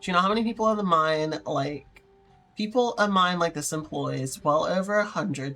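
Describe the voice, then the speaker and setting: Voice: medium pitch, fairly bright tone. Streamer voicing a haughty woman mine boss. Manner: scolding, dismissive, talks down. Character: haughty woman mine owner, curt and defensive. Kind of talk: voicing a character in a game playthrough.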